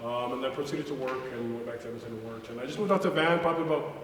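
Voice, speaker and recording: A young man from Nigeria, a basketball coach, chatting as a podcast guest in an animated, slangy way that swings from excited to low and quiet. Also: rapid-fire. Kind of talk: casual podcast chat. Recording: echoey room, far from the mic, faint noise.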